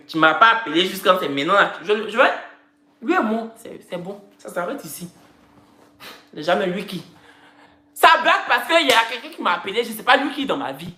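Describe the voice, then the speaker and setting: A social media personality chats casually on a live stream, her lowish voice pushed and bright, with a roomy echo around it. She teases and jokes playfully, repeating her phrases.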